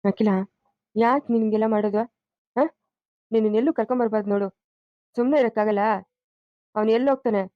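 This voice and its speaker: A stern family father, played by a woman, scolds impatiently in a fairly high, flat voice. The cartoon audio sounds dull and dry. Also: brisk, long pauses, no echo, close to an everyday voice. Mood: scolding.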